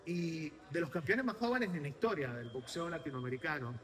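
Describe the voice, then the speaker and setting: A man hosting a sports interview, lively and promotional, asking long questions. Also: on the high side, a little fast, soft background music. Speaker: interviewer host.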